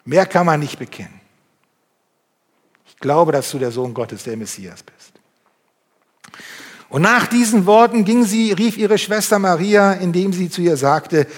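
A man preaching a sermon and reading from the Bible, moving between loud emphasis and hushed, intimate passages. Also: high-pitched. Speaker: pastor. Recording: long hall reverb.

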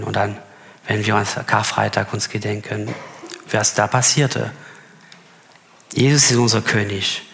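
A man's voice: on the low side, gravelly, fairly bright tone, in a large hall. A man giving a Bible teaching sermon, reading scripture aloud and often stopping to correct himself. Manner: reads scripture aloud, with frequent slips and restarts. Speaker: preacher.

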